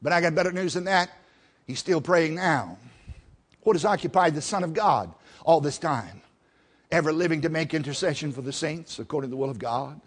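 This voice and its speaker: Preacher guy, high voice, folksy, gets loud then goes quiet. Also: fairly quick. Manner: folksy, rising to loud emphatic peaks then dropping soft. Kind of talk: sermon.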